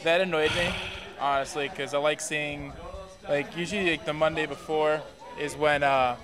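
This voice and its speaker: A man's voice: fairly high pitch, steady tone, normal speed, music in the background. A laid-back man chatting offhandedly about a convention he attended. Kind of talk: casual convention recap chat. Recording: crowd chatter behind.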